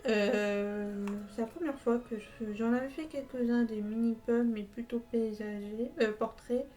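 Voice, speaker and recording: A woman's voice: on the high side, steady tone, measured pace, dark tone, soft background music, low-quality recording. A woman talking through her finished puzzles in a casual vlog, hesitant, with many filler sounds and restarts. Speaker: puzzle vlogger.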